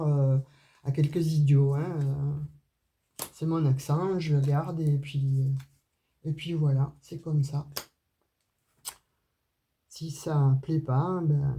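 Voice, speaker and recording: A woman's voice: sits low, fairly even intonation, takes it slowly, long pauses, dark tone. A woman with a southern French accent giving a chatty card reading to her viewers, with plenty of hesitations and asides. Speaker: astrology and tarot reader. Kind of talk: casual spoken card reading to camera.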